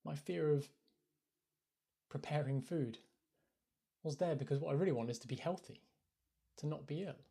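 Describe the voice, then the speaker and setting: A man's voice: fairly high pitch, moderate pace, vocal fry, pauses often, mellow, breathy edge. A British man from the UK, a life coach talking casually on a phone live stream, thoughtful and hesitant, often restarting his phrases. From United Kingdom.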